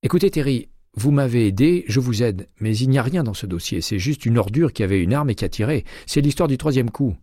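A male audiobook reader voicing a guarded female police detective, raising his voice for her brisk, clipped phone talk. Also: medium pitch, expressive, warm tone, dry recording, studio quality, pitched above the performer's own voice, natural voice.

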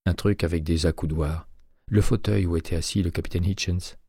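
A man as a calm, firm ex-FBI hypnotist. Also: low-pitched, brisk, slightly rough, no echo, studio quality. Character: calm, self-assured male former FBI hypnotist.

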